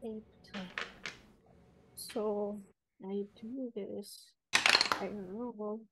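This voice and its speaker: A woman's voice: medium pitch, fairly even intonation, drawn-out words, heavy background noise. A middle-aged woman, a player calling out her dice rolls in a casual tabletop game. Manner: calls out dice rolls plainly.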